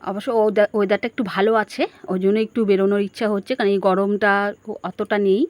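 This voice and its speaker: A woman's voice: medium pitch, flat delivery, fast talker, darkish tone, no room sound. Woman vlogger, mid-range voice, chatty casual narration, dry close sound. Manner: chatty, talks straight to viewers, asking them questions. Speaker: family vlogger. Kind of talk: casual narrated home and outing vlog.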